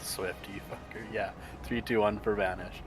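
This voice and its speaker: A man talking casually in a gaming voice chat, giving quick practical calls as raid leader. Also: fairly low pitch, steady tone. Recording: voice chat over loud game music.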